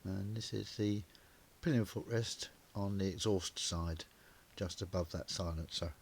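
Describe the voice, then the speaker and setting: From inside his garage, an older motorcycle vlogger gives a relaxed narrated walkaround in a low, croaky voice that sounds sore. His pace is measured and gentle, broken up by frequent pauses and filler words.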